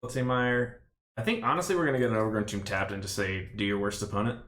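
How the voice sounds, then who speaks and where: A man's voice: lowish voice, fast, fairly bright tone, echoey room. A man streaming a card game, thinking aloud in casual play-by-play commentary with rambling, self-mocking asides. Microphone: desk stream mic.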